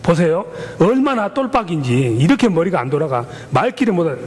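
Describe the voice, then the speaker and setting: Cast: a male pastor, chatty and animated sermon, echoey hall. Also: a little high, brisk, husky. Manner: colloquial, animated storytelling.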